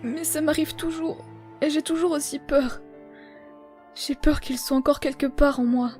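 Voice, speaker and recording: A woman voicing a frightened, gentle young goat-monster boy in a fan dub, trembling, halting and tearful. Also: sits high, steady tone. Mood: fearful, sad. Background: music.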